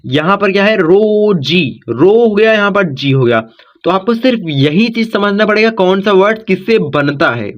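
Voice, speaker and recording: Male tutor, high voice, patient and repetitive, slightly muffled lo-fi sound. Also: animated, normal speed. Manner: patient, repetitive, checks in with frequent "ठीक". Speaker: teacher. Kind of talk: step-by-step spelling lesson.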